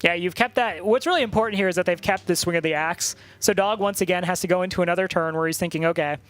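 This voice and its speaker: A man casting a card game tournament, talking through plays with quick joking banter. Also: high-pitched, fairly bright tone. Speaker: esports caster. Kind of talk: play-by-play commentary.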